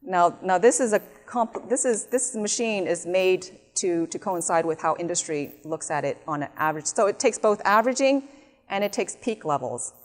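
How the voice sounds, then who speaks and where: A woman giving an animated slide presentation, acting out quotes as she explains. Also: lowish voice, moderate pace. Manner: animated, acts out quotes in other voices. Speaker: speaker. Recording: echoey hall.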